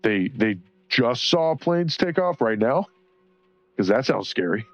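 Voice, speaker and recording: Taking it slowly, a man with an expressive, medium-pitched voice chats casually while streaming his coloring. He rambles, swears, laughs frequently, and reads the chat aloud over a dry, slightly dull recording with faint music behind.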